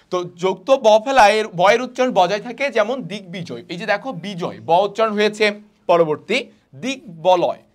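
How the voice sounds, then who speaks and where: A young man runs an online grammar class, posing questions to the students, answering them himself and slowly repeating the example words. His voice is high and a bit bright.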